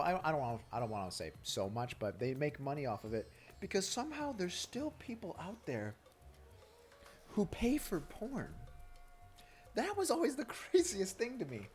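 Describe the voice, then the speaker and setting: A man streaming a video game, chatting casually in a rambling, frank way with many fillers. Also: on the high side. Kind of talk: casual chat while gaming.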